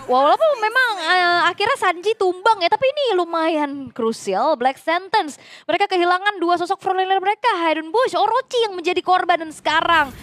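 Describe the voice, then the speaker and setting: A woman's voice: very high voice, lively intonation, a little fast, hardly any pauses, a bit bright, no room sound. A woman giving conversational live commentary as an esports caster. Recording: faint background noise.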